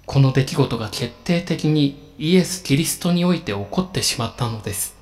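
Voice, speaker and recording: A man preaching a sermon as a pastor, in a slow, solemn and measured delivery with emphatic pauses. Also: medium pitch, lively intonation, darkish tone, faint music behind.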